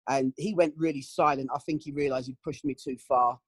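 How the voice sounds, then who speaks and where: Husky-voiced man telling his story. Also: medium pitch, steady tone, fairly quick, no room sound, low-quality recording. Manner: candid, emotional storytelling with frequent "um" and "you know". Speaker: interview guest. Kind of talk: personal testimony interview.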